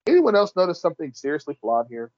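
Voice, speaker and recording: A man co-hosts a casual podcast, reading out entries in a blunt, wry way. His voice sits slightly high and swings widely in pitch. The sound is dry and dull, like a lo-fi home recording. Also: wildly swooping pitch, fast, a little mellow, dry recording. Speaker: podcast co-host. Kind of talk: casual chat, reading list entries aloud.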